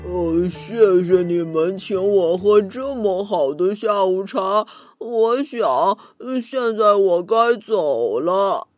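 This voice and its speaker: A woman storyteller puts on a big furry tiger from a children's picture book. He is courteous and hungry, speaking slowly and hesitantly in a dry recording with soft music. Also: medium pitch, dry recording, pitched below the performer's own voice. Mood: grateful, hesitant. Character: big furry male tiger, a polite, hungry teatime guest.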